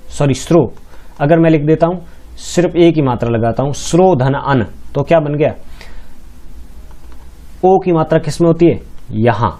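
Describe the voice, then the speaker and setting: Male teacher, exam-prep lesson, slightly high voice, unhurried step-by-step explaining, keeps asking students questions. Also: mellow. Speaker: Hindi grammar teacher.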